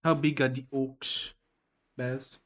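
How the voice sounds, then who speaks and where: A man's voice: medium pitch, little pitch movement, takes it slowly. A man, chatting casually and laughing often while he draws on a live stream. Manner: laughing often, loose and joking. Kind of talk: casual chat while drawing.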